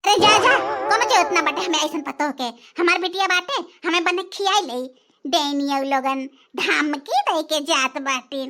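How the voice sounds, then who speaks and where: A woman's voice: very high voice, moderate pace, pushed and bright, full character voice. A performer voicing a stubborn older mother-in-law with an Awadhi accent, scolding and dismissive in a cartoon. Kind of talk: cartoon voice acting.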